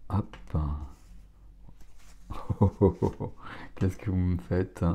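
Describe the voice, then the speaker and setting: Man, very low voice, slow, mellow tone, casual tarot reading. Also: gravelly, highs cut off, slight background noise. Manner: relaxed, chatty, exclaims over cards. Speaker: tarot reader.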